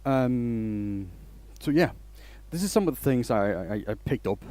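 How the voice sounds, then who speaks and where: Greeting his viewers while working, a Danish woodturner rambles through a casual livestream, often restarting sentences. He speaks at medium pitch with lively intonation, a bit slowly and mellowly, with no echo.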